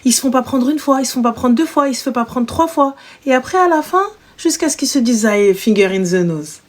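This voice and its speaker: A woman's voice: sits high, quick pace. A woman hosting a live stream, giving blunt, teasing, slangy advice to callers in casual chat.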